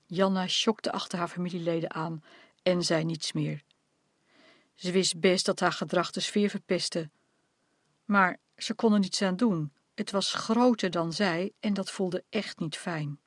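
An audiobook narrator reading a novel in a measured storytelling manner. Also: mid-range voice, fairly even intonation, dry recording. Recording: dry close studio sound.

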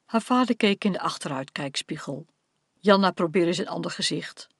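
Calm, dry audiobook narrator. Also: medium pitch, husky, no echo. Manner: measured storytelling. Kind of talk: audiobook reading. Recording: dry close studio sound.

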